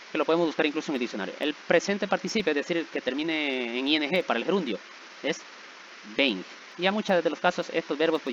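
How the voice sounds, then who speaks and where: A man teaching verb rules at a steady pace, patiently checking in with his students with short questions. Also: medium pitch, muffled recording, slight background noise. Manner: patient, repeats checks like "¿verdad?" and "¿sí?". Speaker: English teacher. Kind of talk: explaining grammar rules.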